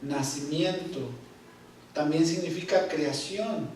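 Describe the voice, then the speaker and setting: Male Bible teacher, high voice, slow and repetitive delivery, picked up from a distance in a reverberant hall. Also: a little mellow, slight background noise. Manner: slow, repeats key words, checks in with "¿Ok?". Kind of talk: Bible study class. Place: church hall. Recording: echoey hall, voice from far off.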